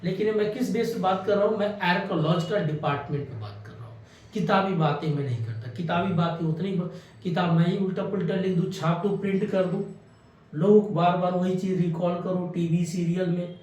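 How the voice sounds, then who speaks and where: A man's voice: high-pitched, a little fast, darkish tone, distant mic. A man, teaching an exam-prep class in a chatty style, repeating key words and asking rhetorical questions. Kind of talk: classroom lecture. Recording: echoey room, voice from off-mic.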